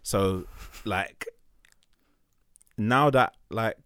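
Young london guy, roadman accent, lowish voice, dry close sound, slangy sweary podcast chat. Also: drawn-out words, no room sound. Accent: London, urban roadman slang style. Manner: slangy, sweary, animated reactions. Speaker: podcast co-host. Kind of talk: casual banter.

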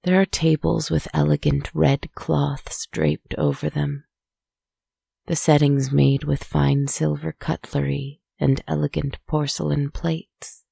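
A woman softly narrating a guided relaxation story in a hushed, soothing, spa-like manner, with deliberate, poetic phrasing. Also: low-pitched, level tone, vocal fry, husky, no echo, studio quality.

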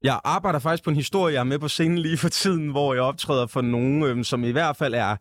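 A man's voice: mid-range voice, dry recording, clean studio sound. A man from West Zealand, a stand-up comedian, telling stories in a casual chat with laughs and fillers. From West Zealand, Denmark. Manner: laid-back storytelling with lots of fillers and laughs.

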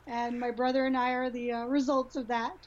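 A middle-aged woman from Honduras, a guest on a podcast, talking reflectively over a video call, often restarting and softly laughing. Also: high-pitched. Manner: warm-hearted, reflective, with frequent restarts and soft laughs. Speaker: guest, sexuality educator. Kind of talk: casual interview talk. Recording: dull lo-fi video call audio.

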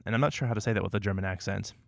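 A man co-hosting a podcast, explaining a topic in a measured, slightly wry casual chat. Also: lowish voice, gravelly, dry recording, clean studio sound. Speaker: podcast co-host.

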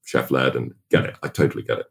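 A middle-aged man from England in casual podcast chat, talking haltingly with many restarts and fillers. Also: rumbling low, fairly even intonation, vocal fry, husky.

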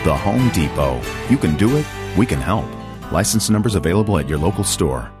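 A man's voice: sits low, animated, brisk. A man reading a scripted retail radio advertisement as the announcer. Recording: loud music bed behind.

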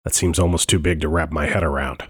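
A man's voice: extremely low pitch, steady tone, quick pace, fairly bright tone, breathy edge. A man reading a first-person thriller audiobook in a tense, wry inner-monologue voice. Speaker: narrator.

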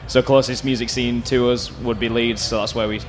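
A man's voice: mid-range voice, little pitch movement, fairly quick, faint music behind. A man with a Bradford, West Yorkshire accent chatting casually and slangily as a guest in a live interview. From Bradford, England. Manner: informal, slangy, sweary. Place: live stage at a music festival. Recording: clear background noise, festival stage.

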